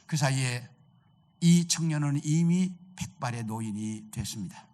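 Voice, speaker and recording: A man's voice: medium pitch, expressive, a little slow, a little mellow. A male pastor preaching a sermon, telling a story and asking the congregation rhetorical questions.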